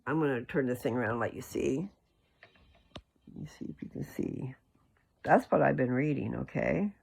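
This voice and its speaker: This religious video host gives an informal, earnest, folksy talk, rambling into asides before circling back to the message. His husky, medium-pitched voice carries lots of gravelly creak and a darkish tone, at normal speed.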